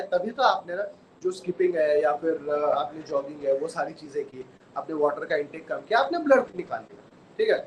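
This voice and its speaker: A man hosting a live sports review, giving opinions and repeating his points while mixing English into Hindi. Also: high-pitched. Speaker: cricket and sports channel host. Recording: echoey room with faint ambient noise.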